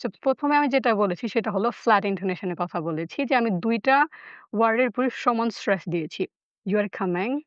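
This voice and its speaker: A woman giving a short spoken lesson on English intonation, explaining step by step and modeling phrases with exaggerated pitch. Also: dry recording, dull audio. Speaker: English pronunciation teacher.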